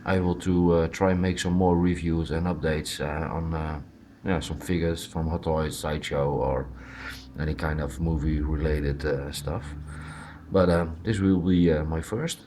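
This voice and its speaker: A Dutch man from the Netherlands gives a casual, hands-on amateur review of collectible toys. He speaks English, not his native language, slowly, informally and haltingly, in a very deep, darkish voice with little pitch movement. Slight background noise is audible.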